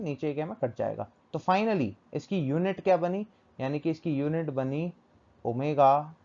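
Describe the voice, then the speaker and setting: Male tutor, mellow tone, repetitive question-and-answer teaching, lo-fi sound. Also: a little high. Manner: asks questions and answers them himself, repeats key terms. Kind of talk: classroom physics lesson. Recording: dull lo-fi recording.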